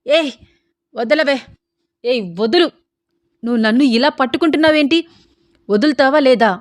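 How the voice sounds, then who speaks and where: A woman's voice: mid-range voice, normal speed, no room sound, studio quality, lightly acted. Woman doing a bitter drunk young doctor. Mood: bitter, angry. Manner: gruff, dismissive, shouting. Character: bitter heartbroken young male doctor, drinking.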